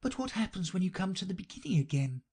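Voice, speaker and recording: A polite, curious little girl asks her careful questions in a high, lifted voice, as a man narrator puts her on. Her tone swoops widely, and the sound has a slightly husky edge. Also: sing-song, fast talker, a little mellow, full character voice.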